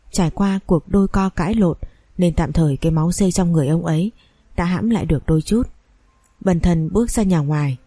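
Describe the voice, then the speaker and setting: A woman reading a scripted audiobook story in a steady, measured way. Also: on the low side, dry recording. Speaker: narrator.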